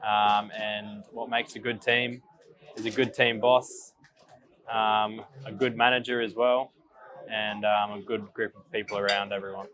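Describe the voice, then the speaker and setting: Flat-voiced young man. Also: lowish voice, a little slow. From Australia. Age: 20s. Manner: plain, even, with um fillers. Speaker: racing driver.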